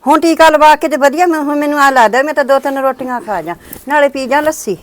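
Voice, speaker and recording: An aggrieved old mother-in-law, played by a woman, lamenting and crying out to God in a village short drama. The voice sits high and the recording is dry and close. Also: fast talker, no room sound, lightly acted. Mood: pleading. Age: older. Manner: lamenting, complaining, appeals to God. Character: aging rural mother-in-law, sick and aggrieved.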